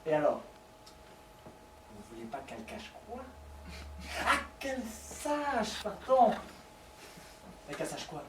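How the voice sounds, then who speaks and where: A man's voice: high voice, wildly swooping pitch, takes it slowly, pauses often, background noise, heavily acted. A man playing a stammering, lovesick suitor on the phone. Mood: pleading. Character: lovesick man pleading with his lover by phone. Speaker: stage actor. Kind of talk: live theatre comedy. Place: small theatre stage. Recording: echoey stage recording from far off.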